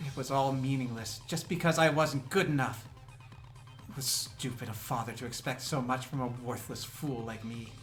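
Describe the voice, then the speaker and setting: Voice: medium pitch, moderate pace, a bit bright, natural voice. A streamer reading a diary entry aloud in character as a self-hating child desperate to please a father, speaking in a bitter, self-reproaching, intense way over faint game music.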